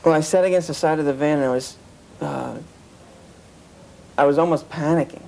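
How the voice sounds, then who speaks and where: A man's voice: on the high side, moderate pace, vocal fry, mellow, low-quality recording. A man telling an earnest personal story about his past, often quoting what others said. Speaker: interviewee. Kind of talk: personal account of cult experience.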